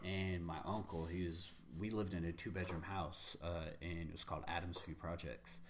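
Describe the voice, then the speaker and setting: A man's voice: deep voice, fairly even intonation, normal speed, noisy background. An American man from the Pacific Northwest telling personal stories in casual conversation, candid, slangy and profane. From United States, Pacific Northwest. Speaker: guest.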